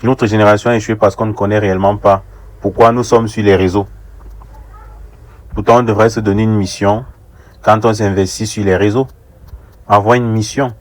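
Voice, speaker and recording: An online commentator, a young African man, speaks his opinions earnestly and deliberately in a monologue. He repeats phrases for rhetorical effect, and his voice sits lowish.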